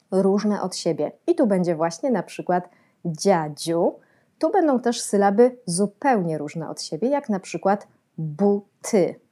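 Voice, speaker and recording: A woman calmly explaining to parents how small children learn consonants and syllables, slowly sounding out example syllables. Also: medium pitch. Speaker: speech therapy educator. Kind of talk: calm instructional explanation for parents.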